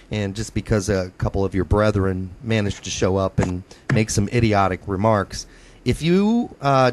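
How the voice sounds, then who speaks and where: A man hosting a casual sports podcast, talking in a rambling way with plenty of ums and uhs. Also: on the low side. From United States. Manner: rambling, hesitant with many fillers. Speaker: podcast host.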